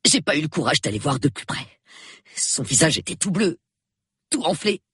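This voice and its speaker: A man reading an audiobook, voicing a nervy, sulky young artist who talks in a rushed, shaky, sullen way. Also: a little high, big pitch swings, fairly bright tone, slightly rough, dry recording, studio quality, pitched above the performer's own voice, full character voice. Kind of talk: audiobook character voice.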